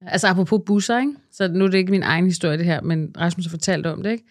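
A young adult woman chatting as a podcast guest, telling stories in a lively way and acting out what people said. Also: lowish voice. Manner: lively storytelling, acting out quotes. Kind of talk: casual podcast chat.

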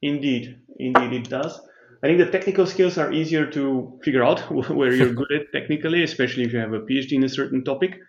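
A man from Bulgaria, a startup CEO, answering interview questions in a measured, explanatory way, with restarts and thinking pauses. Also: mid-range voice, highs cut off, a little hiss or hum.

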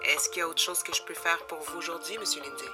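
Woman playing a low-voiced formal phone operator. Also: steady tone, fast talker, natural voice. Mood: polite. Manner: polite scripted call-center phrasing. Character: female space agency phone operator, formal. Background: loud music.

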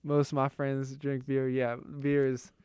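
A man's voice: mid-range voice, monotone, a little slow, a little mellow, smooth, no room sound. A young American man talking in an easygoing, conversational way in a casual chat. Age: young adult.

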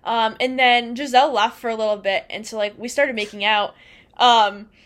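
A woman's voice: a little high, steady tone, moderate pace, fairly bright tone. A woman in her twenties telling a personal story on a podcast, rambling with lots of "like" and "um" and laughing often. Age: 20s. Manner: rambling, fills with "like" and "um". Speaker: podcast co-host. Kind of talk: casual storytelling chat.

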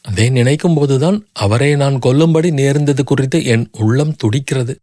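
A man's voice: mid-range voice, normal speed, mellow, dry recording, clean studio sound, close to an everyday voice. A man reading a sobbing, remorseful young noblewoman. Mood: grieving plea. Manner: sobbing, desperate pleading. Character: grief-stricken young noblewoman, remorseful and pleading.

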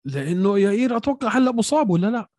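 Male sports talk host, Levantine Arabic accent, quick delivery, dry sound, casual, English words mixed in. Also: high voice, very animated, darkish tone, dry recording. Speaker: podcast host reading viewer questions.

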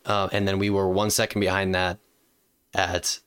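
A young man with a deep voice and a cold, hosting a casual gaming podcast that is streamed live. He rambles, with many fillers and restarts. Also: level tone, moderate pace, a bit bright, clean tone. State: sick with a cold. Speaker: podcast host.

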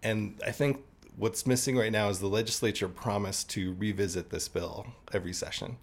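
A man's voice: lowish voice, steady tone, normal speed, creaky. A man talking as a podcast guest, earnestly explaining policy in a casual chat and laughing at himself now and then. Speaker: podcast guest, cannabis trade group representative.

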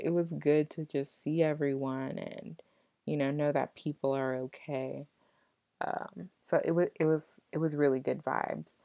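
A woman's voice: low voice, creaky, darkish tone, no echo. A woman, a law student chatting casually with lots of fillers and restarts. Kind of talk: casual chat.

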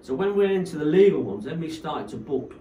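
A man's voice: on the high side, very animated, quick pace, dark tone, recorded from a distance, a little hiss or hum. Man, promoter, chatty rambling storyteller, recorded roomy and a bit off-mic. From Coventry, England. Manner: rambling, peppered with "like, you know". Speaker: rave promoter, guest. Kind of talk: casual storytelling interview.

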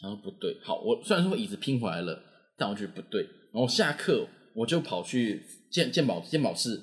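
A man's voice: lowish voice, fast. A young man with a Taiwanese Mandarin accent, telling a story in casual chat and acting out the voices of the people in it. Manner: lively, animated, acts out quoted voices.

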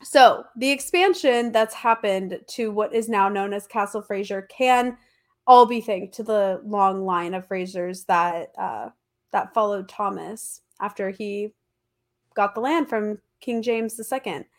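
A woman's voice: mid-range voice, unhurried. A woman with a congested, stuffy nose from allergies, telling history as a podcast host in a casual, slangy, emphatic way. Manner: chatty, informal, slangy and emphatic. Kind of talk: casual conversational history storytelling.

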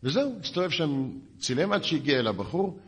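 A man giving a rabbi's lecture as a lively story, with dry sarcasm and acted-out dialogue. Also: on the high side. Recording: long hall reverb.

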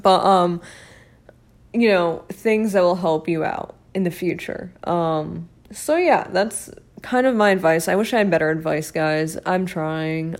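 A young woman talks alone on her podcast in a loose, rambling way, full of fillers and small laughs at herself. Her voice is hoarse and frayed from losing it, and it sits slightly low for a woman. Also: darkish tone. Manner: rambling, many fillers, self-mocking laughs. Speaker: podcast host. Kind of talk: casual solo podcast chat.

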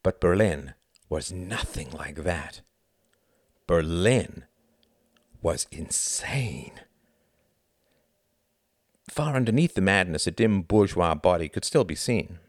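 A man reading a novel aloud as an audiobook narrator, in an expressive storytelling manner. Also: sits low, slow pace, pauses often, no room sound, clean studio sound. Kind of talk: scripted narration.

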